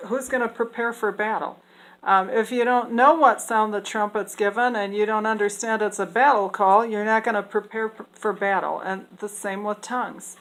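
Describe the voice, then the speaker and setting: Heard on a low-quality recording, a woman whose voice sits on the high side with a fairly bright tone talks off the cuff about scripture passages. English is her first language, and she comes across as earnest and opinionated but hesitant, full of fillers and restarts.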